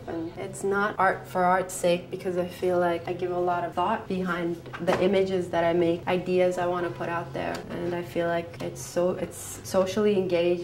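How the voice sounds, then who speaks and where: A woman's voice: lowish voice, a little mellow. A woman in her thirties, from Afghanistan, an artist talking about her own work in an earnest, reflective way.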